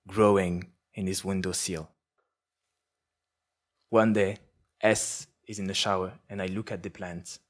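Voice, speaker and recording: Low-voiced author reading aloud. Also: male voice, fairly bright tone. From France. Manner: measured, poetic delivery while reading; halting with restarts when answering. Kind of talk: literary reading and interview answers.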